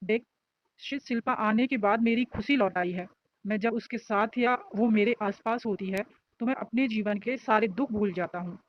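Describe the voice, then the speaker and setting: A woman's voice: medium pitch, normal speed, highs cut off, natural voice. A woman voicing a shy, lovestruck young male student who talks earnestly and defensively.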